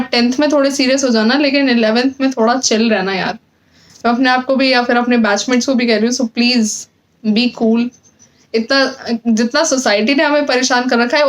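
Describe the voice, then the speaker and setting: A teenage girl with a high voice speaks straight to her fellow students. She sounds earnest and encouraging as she reassures them. She often pauses on fillers and restarts her sentences. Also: poor audio. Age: teens. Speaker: student vlogger. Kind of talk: casual advice talk to camera.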